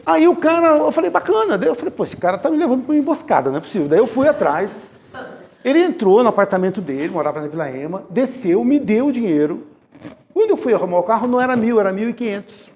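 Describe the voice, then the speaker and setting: Lively Brazilian lecturer telling stories. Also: male voice, sits high, fast. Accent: Brazilian Portuguese. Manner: storytelling, speaks directly to the audience. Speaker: lecturer at a spiritist center. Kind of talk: conversational spiritist lecture. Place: spiritist center meeting room.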